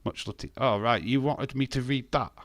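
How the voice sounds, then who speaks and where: In a mid-range voice at a moderate pace, a man in his fifties runs a live stream, voicing chat comments and answering them bluntly with sarcasm and plenty of swearing. The recording is dry.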